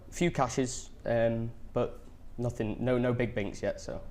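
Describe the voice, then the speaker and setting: A young man from England, a poker player answering interview questions in a halting way full of fillers. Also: medium pitch, steady tone, darkish tone, slight background noise. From England, near Blackpool. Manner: halting, lots of fillers and repeats. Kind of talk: casual interview.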